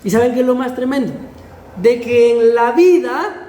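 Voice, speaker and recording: A man's voice: very high voice, moderate pace, mellow. A male pastor with a Guatemalan accent preaching a sermon in a conversational way, often calling the listeners brother and laughing lightly between phrases. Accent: Guatemalan Spanish. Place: church hall. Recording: echoey church hall with long reverb.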